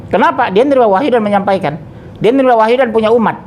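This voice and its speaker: A man's voice: sits high, racing, slight background noise. A middle-aged man, a preacher, leading an interactive religious study and quizzing his listeners. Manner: questions the audience, lively, jokes. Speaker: ustadz, preacher.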